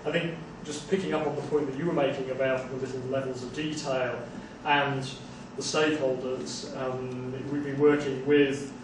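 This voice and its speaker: A man answering questions after his seminar talk, thinking aloud and restarting phrases. He is heard from across a small, very echoey room. A steady hiss sits under his voice. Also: mid-range voice, normal speed, hardly any pauses, far from the mic. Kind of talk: academic Q&A answer. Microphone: far room camera mic.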